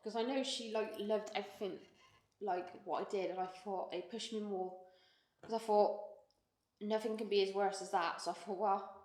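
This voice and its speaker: Woman guest, mid-pitched, sweary, halting, emotional, echoey room. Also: steady tone, darkish tone. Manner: blunt, sweary, halting with fillers. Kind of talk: candid personal storytelling.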